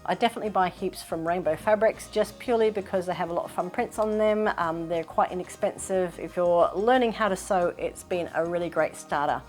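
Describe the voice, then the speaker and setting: A sewing vlogger in her thirties, with a mostly Australian accent carrying British and American traces, chats upbeat in a casual Q&A vlog, chatty and self-reflective. Her voice is on the low side and darkish, moving briskly with few pauses over soft background music.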